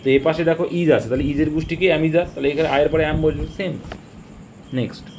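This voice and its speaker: A fairly high-voiced man teaches English grammar, putting questions to his students and answering them himself. He reads the example sentences out slowly, word by word. The recording sounds dull and lo-fi, with a faint hiss behind it. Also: fairly even intonation, darkish tone. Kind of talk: spoken grammar lesson.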